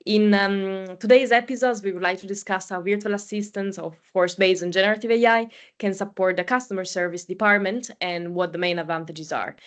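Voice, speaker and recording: A woman hosting a podcast, introducing and summing up in a measured way with frequent ums. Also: medium pitch, steady tone. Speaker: podcast host. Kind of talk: scripted podcast intro and summary.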